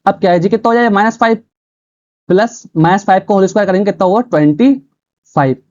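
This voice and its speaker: A man's voice: high voice, quick pace, darkish tone, lo-fi sound. A man teaching a math class step by step, asking and answering his own questions as he works each problem. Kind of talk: chalkboard math lesson.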